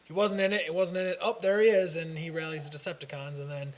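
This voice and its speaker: Young male co-host, a touch higher-pitched, rambling and hesitant, faint hiss behind. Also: level tone, fast talker. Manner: rambling, hesitant with fillers and restarts. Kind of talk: casual fan discussion.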